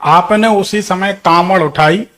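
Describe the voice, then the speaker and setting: Male astrologer, high voice, commanding and probing in a consultation. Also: measured pace, bright, forceful tone. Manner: authoritative, questioning, predicts past events.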